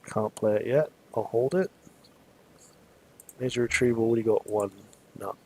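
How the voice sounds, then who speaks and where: A man's voice: medium pitch, normal speed, slightly rough. Easygoing man thinking aloud. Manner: relaxed, chatty, muses aloud and chuckles easily. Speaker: streamer playing a card game. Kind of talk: casual thinking aloud while playing.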